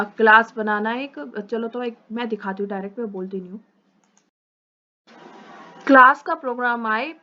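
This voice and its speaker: A young woman teaching programming in a casual, brisk and reassuring lecture, mixing English terms into her speech. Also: medium pitch, pushed and bright. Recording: dull lo-fi recording.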